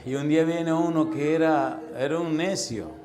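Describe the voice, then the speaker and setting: A man preaching a sermon as a pastor, telling stories animatedly and acting out voices and sounds, with forceful emphasis. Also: on the high side, normal speed, roomy sound. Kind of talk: storytelling sermon.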